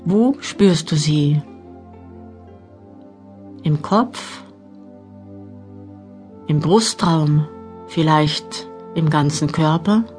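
Female narrator for guided relaxation: slow, measured, slightly low voice, long pauses, new-age music underneath. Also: darkish tone. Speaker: mental training narrator. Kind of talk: guided meditation audiobook narration.

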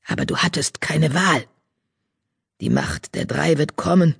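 A man voicing a blind, hairless old tomcat who speaks in a croak. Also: fairly high pitch, huge pitch swings, measured pace, fairly bright tone, no room sound, studio quality, heavily acted. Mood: grave.

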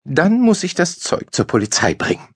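A man's voice: a little high, huge pitch swings, moderate pace, husky, dry recording, studio quality, voice pushed up, heavily acted. A man voicing a tall, timid tourist official who speaks stiffly and stammers when pressed. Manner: formal, stammering.

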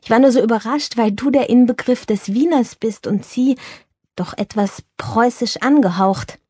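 A woman voicing a calm woman friend who speaks softly and in a measured, gently reproving way with a husky voice. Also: on the high side, dry recording, pitched above the performer's own voice. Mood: gently chiding.

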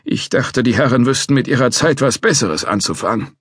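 A man voicing a doddering old male security guard who is suspicious and testy, with a shrill, querulous, shouting manner. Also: animated, fairly quick, breathy edge, no echo, clean studio sound. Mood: grumbling.

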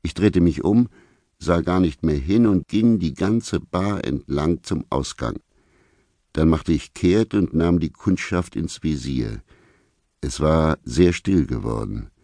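A man narrating a gritty first-person story in a gruff, laconic way. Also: extremely low pitch, lively intonation, slow pace, warm tone, dry recording. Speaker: audiobook narrator.

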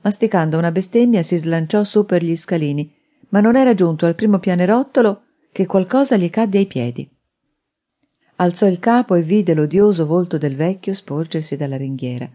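A woman reading a thriller audiobook with dramatic, steady storytelling. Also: on the low side, moderate pace. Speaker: audiobook narrator. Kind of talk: scripted narration.

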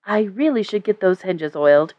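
Narrator doing a grumpy older grandfather, dry and weary, voice a touch lower; slightly dull audio. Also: animated, normal speed, close to an everyday voice. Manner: gruff, weary. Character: tall, tired grandfather, grumpy artist.

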